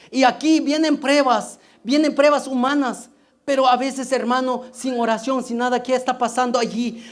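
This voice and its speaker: A man preaching a fervent sermon who keeps addressing his listeners as brother and repeats his phrases. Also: high-pitched.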